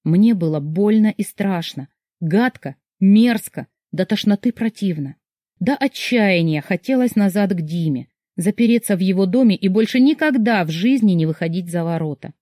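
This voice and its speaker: A woman narrating a dark first-person novel as an audiobook, reading with tense emotion. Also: medium pitch, expressive, moderate pace, no echo, studio quality.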